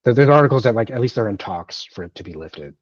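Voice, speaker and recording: A man's voice: mid-range voice, expressive, fast, dry recording, lo-fi sound. A man in his early thirties co-hosting a podcast, chatting casually in a rambling, self-deprecating way with lots of fillers and restarts. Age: 30s. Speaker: podcast co-host. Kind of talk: casual chat.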